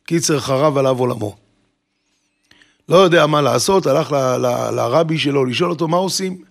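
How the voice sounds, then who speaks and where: Gravelly-voiced male preacher telling stories. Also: mid-range voice. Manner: animated storyteller, acts out characters. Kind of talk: storytelling sermon.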